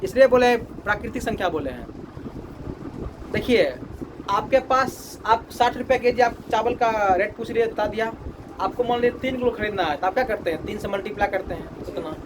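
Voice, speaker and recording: A man's voice: high voice, normal speed, background noise. A man teaching a maths class, repeating his questions to the students and drilling the answers.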